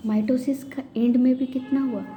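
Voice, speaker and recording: A woman teaching biology, explaining step by step in a patient lecture style with frequent pauses. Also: sits high, fairly even intonation, warm tone, soft background music. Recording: faint background noise.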